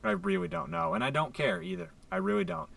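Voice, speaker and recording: Gravelly sarcastic man narrating a countdown. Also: a little high, quick pace, fairly bright tone, recorded from a distance, slight background noise. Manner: sarcastic, profane. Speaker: wrestling video narrator.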